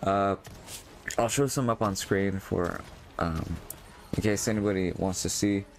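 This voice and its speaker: A man's voice: low-pitched, a little slow, faint music behind. A young man vlogging in a casual, rambling way, full of fillers and restarts, with a voice he says feels strained. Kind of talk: casual monologue over gameplay.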